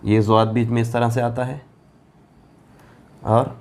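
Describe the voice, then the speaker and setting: A man teaching Arabic letters as a Quran reading teacher, patient and repetitive, drawing out each letter name slowly. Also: mid-range voice, level tone, a little mellow. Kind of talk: board lesson explaining Arabic letters.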